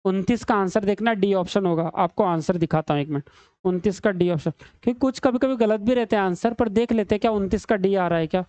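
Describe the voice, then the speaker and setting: At a screen, a man teaches an exam-prep reasoning lesson, chatty and teasing, calling his students beta and bhai, son and brother. His voice is high-pitched, fairly quick and a little mellow, and the recording is dry.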